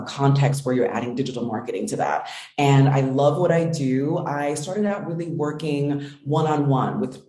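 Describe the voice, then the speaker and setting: Woman, business coach, earnest explanations, mellow tone, roomy echo. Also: rumbling low. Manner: earnest, explanatory, frequent ums. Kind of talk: interview answers.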